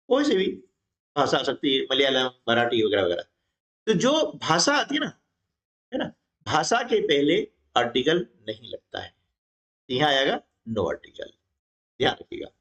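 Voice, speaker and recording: A man's voice: on the high side, fairly bright tone. A man teaching a grammar lesson for exam preparation, explaining step by step and often checking in with his students.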